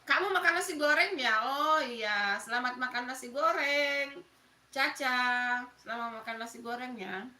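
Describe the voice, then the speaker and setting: Bright-voiced Makassar woman chatting on a live stream. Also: high voice, moderate pace, recorded from a distance. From Makassar, South Sulawesi. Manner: chatty, greets viewers by name, laughs often. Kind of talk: casual live-stream chat with viewers. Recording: echoey room, voice off-mic.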